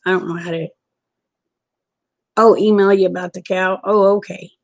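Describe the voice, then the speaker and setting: A sleep-deprived American woman talks in a loose, rambling livestream chat. Her voice sits at a middling pitch, and her manner is folksy and homey, drifting and slow to follow. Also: steady tone. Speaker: livestreamer chatting with viewers.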